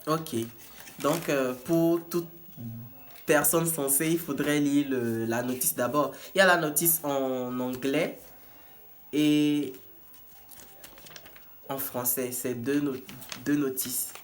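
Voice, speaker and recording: A man's voice: on the high side, steady tone, slow pace, long pauses, a little hiss or hum. A man who works as a peer educator in prevention, casually walking viewers through a test kit and often stopping to restart and repeat his words. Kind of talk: casual hands-on product demonstration.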